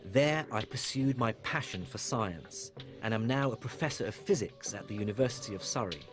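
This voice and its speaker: A middle-aged man from Iraq, presenting a documentary in a measured, storytelling narration. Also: fairly low pitch, expressive. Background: music.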